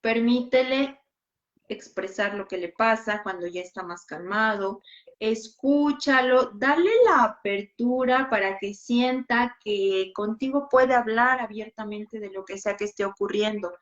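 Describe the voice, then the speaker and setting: High-voiced woman giving parenting advice. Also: measured pace. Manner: direct, animated, playfully acts out scenes. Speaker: host. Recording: dull lo-fi sound.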